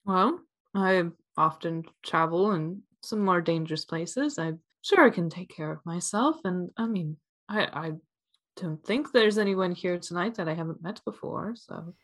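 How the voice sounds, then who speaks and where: A woman's voice: fairly low pitch, a little slow, a bit bright. A woman as game master of a tabletop role-playing game, narrating and voicing characters with frequent laughs.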